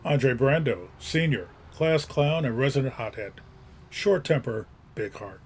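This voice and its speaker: A man giving scripted narration, crisply introducing each character in a list-like way. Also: medium pitch, animated, measured pace, slight background noise.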